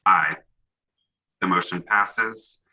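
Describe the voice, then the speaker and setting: A man's voice: deep voice, extremely slow, sharp tone. A man politely chairing a public commission meeting over a video call. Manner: polite, procedural. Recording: dull lo-fi call audio.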